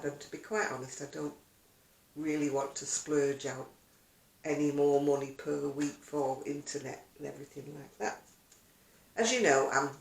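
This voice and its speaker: Rambling along to camera and poking fun at herself, an older video blogger and craft seller talks casually in a room with echo. Her voice sits low and sounds creaky.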